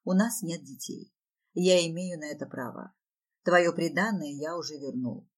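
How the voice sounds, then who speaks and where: A woman reading as a cold, domineering husband in a storybook, stern and curt, his voice pitched low and kept quiet and firm even as he turns someone out of his house. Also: moderate pace, slightly rough. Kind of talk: audiobook narration.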